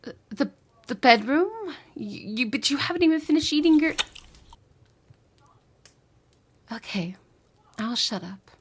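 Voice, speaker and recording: A high-pitched, expressive woman acts out an intimate ASMR scenario as an obsessive former bully, lovesick and returned from the future. Surprised and flustered, she speaks in a breathy, emotional, tender and halting way, often slipping into a whisper.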